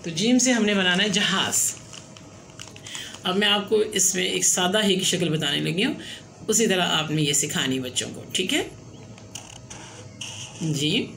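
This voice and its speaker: A woman teaching letters and words at a slow, unhurried pace, counting each letter out loud. She pauses to check in as she goes. A faint hiss runs behind her voice. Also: on the low side. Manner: counts letters aloud, checks in with "theek hai". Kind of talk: slow step-by-step writing lesson.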